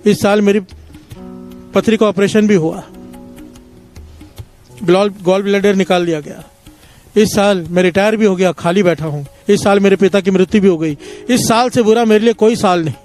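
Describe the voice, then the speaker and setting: A man's voice: high voice, moderate pace, long pauses, a little mellow, soft background music. A man giving a devotional sermon, telling parables and repeatedly leading the congregation in a call-and-response chant. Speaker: satsang preacher.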